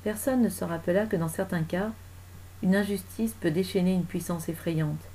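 A woman reading a story aloud as narrator, dramatic and expressive. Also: fairly low pitch, moderate pace, slight background noise.

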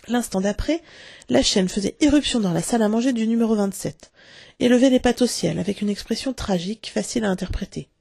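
Husky, gravelly woman reading a story aloud. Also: medium pitch, no room sound, clean studio sound. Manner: expressive storytelling, acting out the characters. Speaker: narrator.

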